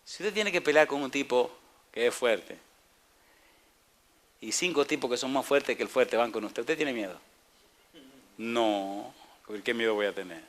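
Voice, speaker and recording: Bright-voiced preacher man. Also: medium pitch, unhurried, pauses often. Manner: animated preaching, asks the congregation questions; acts out dialogue with playful voices. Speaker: pastor. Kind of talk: sermon.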